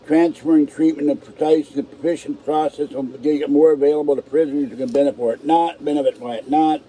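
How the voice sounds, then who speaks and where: A man's voice: on the high side, fairly even intonation, fairly quick, mellow, a little hiss or hum, poor audio. A man with a natural lisp and no upper teeth, his tongue hitting the roof of his mouth, talking bluntly and casually on a live stream. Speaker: livestream host. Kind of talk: casual live stream chat, reading aloud and commenting.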